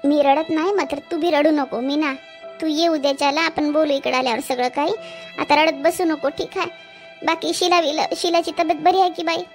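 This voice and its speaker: A woman's voice: high-pitched, fairly even intonation, fairly quick, soft background music. A woman voicing a loving, ailing mother who coaxes and soothes her grown daughter, in a cartoon. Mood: soothing. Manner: coaxing, soothing. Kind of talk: cartoon voice acting.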